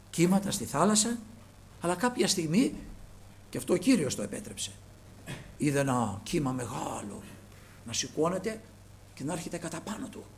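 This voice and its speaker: A man preaching a sermon, emphatic and moving between loud and hushed, repeatedly addressing the brethren. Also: high voice, vocal fry, slight background noise.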